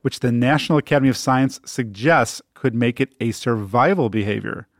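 A man's voice: medium pitch, normal speed, no room sound, studio quality. Teasing, self-mocking male radio co-host. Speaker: co-host of a medical radio show. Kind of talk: scripted medical news banter.

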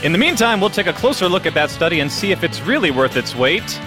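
A man's voice: sits high, very animated, quick pace, music in the background. Punning male medical radio co-host. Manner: jokey, fond of puns. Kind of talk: scripted medical news banter.

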